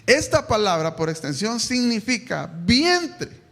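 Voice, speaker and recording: Man, pastor preaching, lively and questioning, high pitched, reverberant church hall. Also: slow, creaky. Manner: animated, asks the congregation questions, bursts into shouts. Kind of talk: preaching a sermon to a congregation. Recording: echoey church hall, live stream.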